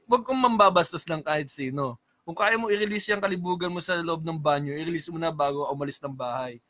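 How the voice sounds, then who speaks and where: Bright-voiced man giving blunt advice. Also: a little high. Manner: opinionated, gives advice with quick laughs. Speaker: podcast co-host. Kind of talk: casual chat.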